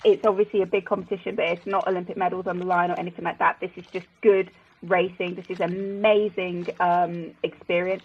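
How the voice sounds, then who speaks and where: A woman commentating live on a race, her enthusiasm spilling out through fillers and restarts. Her voice is husky and a little breathy, and the broadcast audio sounds dull and lo-fi. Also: fairly low pitch. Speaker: color commentator.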